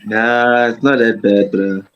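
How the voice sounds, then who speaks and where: Easygoing male co-host, unhurried, dull lo-fi sound from talking into a phone mic. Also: fairly low pitch, little pitch movement. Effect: heard through a phone mic. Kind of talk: casual chat.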